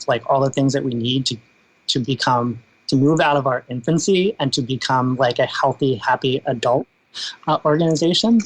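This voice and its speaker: A man's voice: medium pitch, low-quality recording. A man in his fifties, a podcast guest, talking casually with many fillers and asides. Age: 50s. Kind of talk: casual interview talk.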